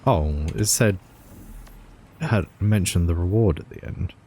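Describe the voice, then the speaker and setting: A man's voice: deep voice, a little slow, warm tone, slightly rough. A man hosting a gaming channel, giving laid-back, casual gameplay commentary with chuckles and mumbled asides.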